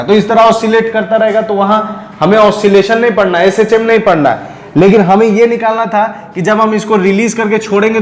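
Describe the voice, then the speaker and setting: A man's voice: high voice, roomy sound. A male physics teacher from India working through a problem step by step and often asking if students follow. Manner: explains step by step, often checks understanding. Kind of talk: recorded classroom lecture.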